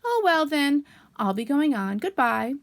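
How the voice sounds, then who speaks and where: A woman voicing a friendly, naive, greedy male toy bear in a children's storybook, speaking with slow, drawn-out emphasis. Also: sits high, sing-song, voice pushed up, heavily acted. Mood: eager, polite. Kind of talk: children's storybook character reading.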